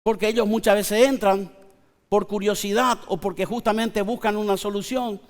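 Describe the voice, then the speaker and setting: A man, preaching a sermon to his congregation with slow, emphatic pauses and conversational asides. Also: high voice, fairly even intonation. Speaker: pastor. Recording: long church hall reverb.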